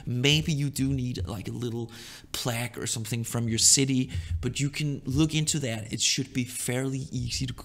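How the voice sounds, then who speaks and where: Gravelly Danish-raised man giving casual advice. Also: mid-range voice, steady tone, normal speed, fairly bright tone. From Denmark. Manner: loose, chatty, often asks "right?". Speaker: online business vlogger.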